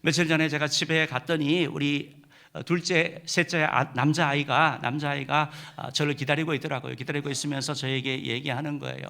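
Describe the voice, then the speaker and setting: A man's voice: fairly high pitch, flat delivery, fairly quick, creaky, bright, forceful tone. A middle-aged man preaching a sermon as senior pastor, emphatic and full of filler "uh"s.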